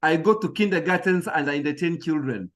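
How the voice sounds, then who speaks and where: A man with a high voice delivers a motivational talk on public speaking. He speaks emphatically, hammering on key phrases and often tripping over small words as he pushes on. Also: brisk.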